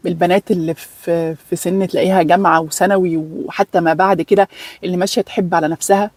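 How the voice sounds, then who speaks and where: A woman's voice: fairly low pitch, fairly even intonation, quick pace, darkish tone, dry recording. A woman with an Egyptian Arabic accent presenting a self-help lesson, earnest and repeating key words for emphasis. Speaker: femininity course presenter.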